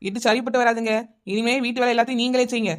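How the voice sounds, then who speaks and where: A woman playing a sharp-tongued young wife who sides with her neighbor and defies her husband in a comic skit. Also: fairly high pitch, level tone, clear, resonant tone, close to an everyday voice. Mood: defiant. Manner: teasing, rapid, defiant. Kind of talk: comic village skit acting.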